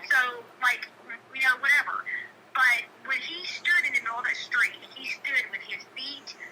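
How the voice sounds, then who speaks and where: On a noisy phone recording, a middle-aged woman, a local neighbor, calls in and chats casually. Her voice is high, bright and forceful at a normal speed, and she presses her points insistently, repeating phrases for emphasis.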